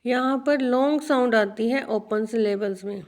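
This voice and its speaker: In this video lesson, a female English teacher with a fairly high voice talks slowly, drawing out and repeating words. She addresses the learners as children.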